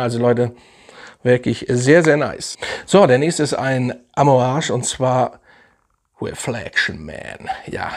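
A man's voice: mid-range voice, a little mellow. A young man casually reviewing fragrances in a vlog, enthusiastic and slangy, rambling with fillers.

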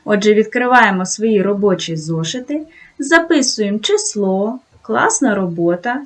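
A woman teaching a video lesson to second graders, talking slowly and sing-song and praising the children often. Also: medium pitch. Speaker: primary school teacher.

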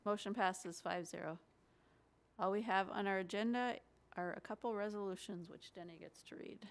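A woman chairing a school board meeting, calling votes in a brisk, businesslike way. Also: medium pitch, steady tone.

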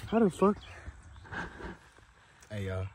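A young man narrates his own snowy rock climb into a handheld phone camera. His talk is slangy and hyped, always aimed at the viewers. Outdoor noise and mic handling sit clearly under his voice. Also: fairly low pitch, big pitch swings, slow. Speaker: vlogger filming himself. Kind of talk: casual vlog narration while climbing. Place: snowy rocky mountain trail outdoors.

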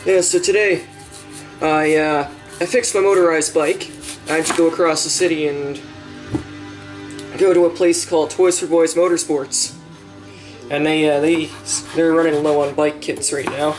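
A man's voice: fairly high pitch, fairly even intonation, normal speed, long pauses. Chatty young man rambling while cooking. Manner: rambling, chatty, with frequent fillers and mild swearing. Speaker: home cooking vlogger. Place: home kitchen, indoors. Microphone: handheld camera mic. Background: music playing in the kitchen.

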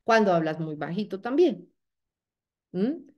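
A woman at a middling pitch leads a motivational training session for her sales team. She coaches directly and checks in often with short questions to keep her listeners engaged. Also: very animated, unhurried, dull audio.

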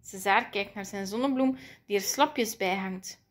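A woman reading a children's picture book aloud, lively and playful. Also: medium pitch, measured pace. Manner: lively, playful voices for the characters. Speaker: storybook reader.

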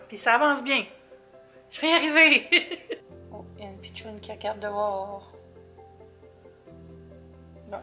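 A woman's voice: mid-range voice, fairly bright tone. A young woman from Quebec with a Québécois accent, chatting casually in a vlog, rambling and laughing often, now and then dropping English words. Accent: Québécois French. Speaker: vlogger. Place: her apartment, indoors.

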